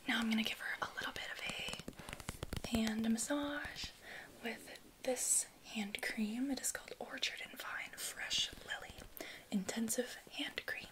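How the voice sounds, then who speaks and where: A woman's voice: on the high side, measured pace, rough recording. Whispering young woman doing ASMR. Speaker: ASMR host giving a massage. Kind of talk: soft-spoken whispered ASMR. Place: small bedroom, indoors.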